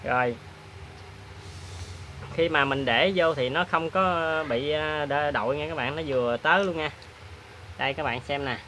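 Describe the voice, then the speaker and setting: Bright-voiced man demonstrating. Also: on the high side, a little hiss or hum. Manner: chatty, plain-spoken, many filler pauses. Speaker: repair tutorial host. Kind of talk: hands-on repair demonstration.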